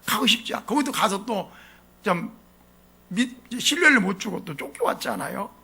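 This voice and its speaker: A man preaching a sermon as pastor, animated and often asking the congregation questions. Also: high-pitched, normal speed, slightly rough. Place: church sanctuary.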